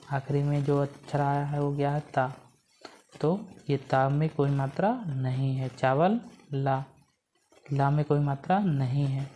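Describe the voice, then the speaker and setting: A woman teaches an exam-prep grammar lesson in a low, dark-toned voice. She keeps asking the class questions and answering them herself. She repeats each key point so it sticks. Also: a little hiss or hum.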